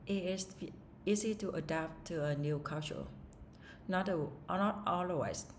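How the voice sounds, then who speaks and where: An unhurried woman with a lowish voice records amid a little hiss or hum. Her first language is Vietnamese, and she practices English speaking-test answers by asking herself questions, then replying with hesitations and fresh starts.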